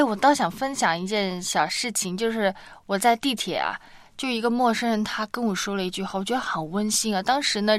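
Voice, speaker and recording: A woman's voice: a little high, no echo. A woman co-hosting a faith radio chat, talking casually and sharing personal stories. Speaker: radio co-host.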